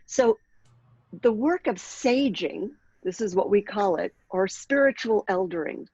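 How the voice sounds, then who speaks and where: A woman in her sixties gives a workshop talk in a measured, unhurried way, clearing her throat from time to time. Her voice is of middling pitch, and the recording sounds a little dull and dry. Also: expressive, a little mellow, dry recording. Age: 60s. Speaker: workshop leader and author. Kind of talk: workshop talk with read-aloud passage.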